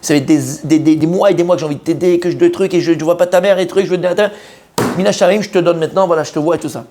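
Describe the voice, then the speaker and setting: Fast-talking rabbi telling a story. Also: male voice, fairly high pitch, noisy background. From Israel. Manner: animated storyteller who acts out quoted voices. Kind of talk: storytelling sermon.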